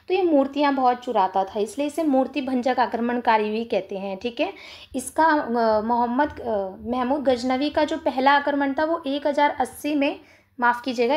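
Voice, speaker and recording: A young woman with a high voice gives an exam revision lesson. She repeats each key fact and keeps checking in with her listeners. When she slips, she corrects herself on the spot. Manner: repeats key facts, checks in with "theek hai"; corrects herself mid-sentence. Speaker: teacher.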